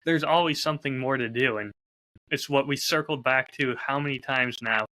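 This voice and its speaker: The recording quality is poor, but the host's very bright, crisp-edged, mid-pitched voice comes through at a moderate pace. An audio drama creator running a casual podcast, he reflects openly, storyteller-style.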